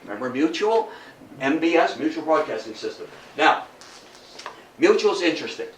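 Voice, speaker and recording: An American guest lecturer delivers a history talk to an audience in an indoor room, speaking emphatically, repeating phrases for effect, and posing questions to his listeners. His voice sits on the high side, sing-song, at a moderate pace. The sound is roomy, with a distant mic and faint background noise.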